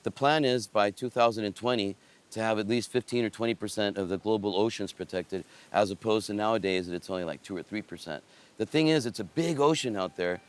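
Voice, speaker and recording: A man with a fairly low, smooth and resonant voice explains things in an unscripted interview. He talks conversationally and pauses now and then to find his words. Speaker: marine conservation interviewee.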